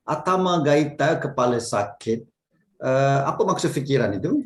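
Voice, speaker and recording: A man's voice: medium pitch, lively intonation, normal speed. A man teaching a casual online Japanese class, patiently repeating words for his students to echo.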